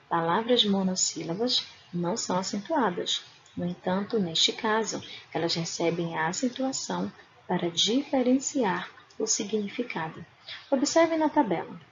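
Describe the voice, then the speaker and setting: A woman from Brazil, a Spanish teacher, giving a recorded grammar lesson with slow, careful explanations and examples. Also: medium pitch. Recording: dull lo-fi recording with faint noise.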